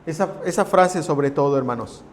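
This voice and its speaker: A pastor from Mexico preaches in a church hall, building emphasis on key phrases and addressing the congregation directly. His voice is a little high and his speed normal, and the large hall gives a long reverb.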